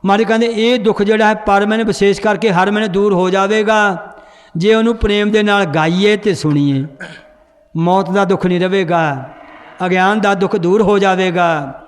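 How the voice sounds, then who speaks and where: A man's voice: high voice, fairly even intonation, normal speed. A man teaching a recitation class in a large hall, quizzing the students and correcting how they read. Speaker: scripture pronunciation teacher. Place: large hall with a seated congregation. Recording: long hall reverb.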